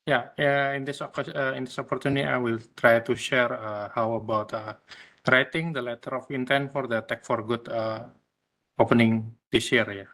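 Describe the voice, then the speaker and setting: An Indonesian man who isn't an English speaker gives an online session presentation, hesitating and restarting, with many fillers. His mid-range voice stays steady and fairly bright at a normal pace.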